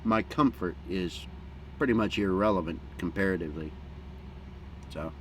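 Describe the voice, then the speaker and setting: A man's voice: low voice, normal speed, low-quality recording. A middle-aged American man chatting casually and unhurriedly outdoors in a folksy, plain-spoken way, with a pipe in his mouth between puffs. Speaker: vlogger. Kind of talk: casual rambling outdoor chat. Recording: clear background noise, outdoor hum.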